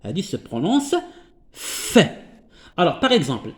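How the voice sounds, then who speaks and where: A man's voice: on the high side, very animated, moderate pace. A man with a Moroccan accent teaching a phonics lesson, patiently repeating key terms and translating them. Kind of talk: French phonics lesson with Arabic glosses.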